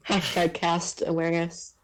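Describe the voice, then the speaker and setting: Slow, low-voiced woman telling stories. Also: big pitch swings, very noisy. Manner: hesitant, many ums. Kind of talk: casual storytelling.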